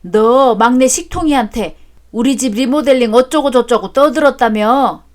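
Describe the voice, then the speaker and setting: A grumpy older father-in-law, put on by a woman reading the story, scolds his children in a loud, raised voice. The voice sits fairly high, and the story is read as a storybook drama. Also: moderate pace, natural voice. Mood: scolding.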